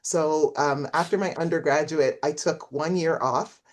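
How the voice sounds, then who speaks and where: A middle-aged Canadian professor, a guest in an interview conversation, speaks with a deep voice at a measured pace. She's reflective and tells stories, acting out the voices she quotes. The audio quality is poor.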